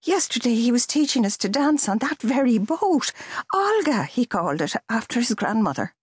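A woman narrator playing an earnest young woman tourist in an audiobook, with a raised, emotional tone. The voice is lifted and lively, recorded dry and close. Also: normal speed, breathy edge, dry recording. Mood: shocked. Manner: high and emotional.

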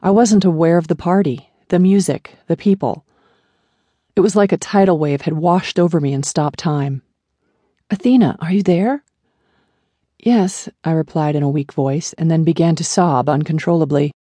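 A woman narrating a first-person memoir audiobook in a measured, even storytelling manner. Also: low-pitched, no echo.

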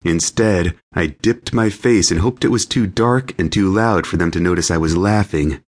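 A man narrating a romance audiobook in first person, in a lively, amused storytelling manner. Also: low voice, moderate pace.

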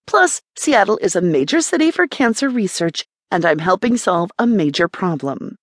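A woman's voice: medium pitch, very animated, normal speed, dry recording, clean studio sound. A woman voicing a shy young woman scientist in an audiobook, polite and a little defensive. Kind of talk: audiobook character voice.

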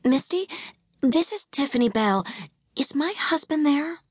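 A frantic, tearful young wife, as a woman narrator puts her on, her voice climbing high and breaking into urgent whispers. She pleads in a quick, breathless rush, close and dry to the mic. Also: lively intonation, dry recording.

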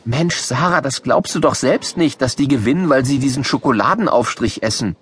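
A man's voice: medium pitch, expressive, normal speed, a bit bright, husky, pitched below the performer's own voice. A man voicing a sensible, doubting schoolgirl in a children's audiobook, reasoning and skeptical. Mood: insistent.

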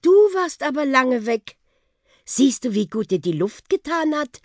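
A woman voicing a kindly aunt who runs a village shop, fussing warmly. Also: high-pitched, sing-song, measured pace, no echo, clean studio sound, voice pushed up. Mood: fond.

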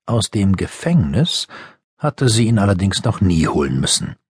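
A man reading a youth fantasy audiobook with lively storytelling. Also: deep voice, moderate pace, slightly rough, dry recording, clean studio sound. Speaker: audiobook narrator. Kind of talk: scripted narration.

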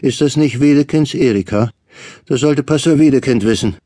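A man's voice: medium pitch, moderate pace, dark tone, no echo, clean studio sound, pitched above the performer's own voice, lightly acted. A man voicing a nosy older hotelier in an audiobook, speaking in a prying, reproachful way. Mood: gossiping. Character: nosy older male small-town hotelier, gossiping. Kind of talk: audiobook character reading.

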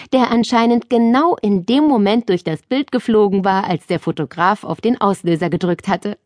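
A woman narrating a children's audiobook in a lively, expressive storytelling manner on a close studio mic. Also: medium pitch, no echo.

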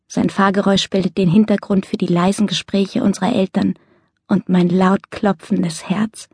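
Husky woman reading a first-person audiobook. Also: mid-range voice, mellow, no room sound, studio quality. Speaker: audiobook narrator.

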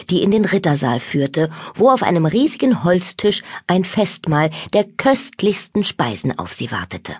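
Female narrator for a children's audiobook: expressive and animated, husky, dry studio sound. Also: mid-range voice, no echo. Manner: lively, expressive storytelling.

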